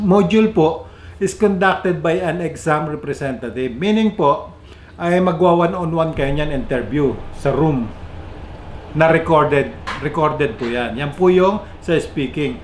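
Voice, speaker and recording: In a casual vlog explainer, a Filipino man with a Filipino accent chats with his viewers, moving between English and Filipino. His slightly high voice is expressive and slow, swinging widely in pitch and loudness. The room sounds echoey, with a faint hiss in the background.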